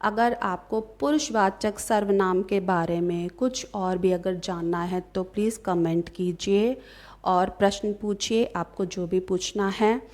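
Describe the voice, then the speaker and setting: A young woman teaching a grammar lesson, patiently explaining step by step and reading example sentences slowly and clearly. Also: medium pitch, steady tone, darkish tone.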